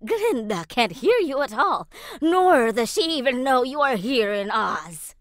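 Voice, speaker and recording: Casting: wicked witch for audio drama, high swooping voice, menacing, theatrical, mocking. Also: big pitch swings, no echo. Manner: theatrical, drawn-out taunting, cackles. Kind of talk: family audio drama acting.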